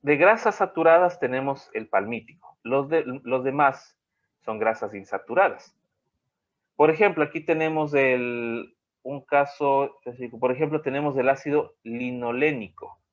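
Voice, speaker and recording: A man's voice: mid-range voice, a little slow. Male teacher, online lecture, rambling, dull lo-fi call audio. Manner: rambling, checks in with "¿sí?". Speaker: college teacher. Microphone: video call.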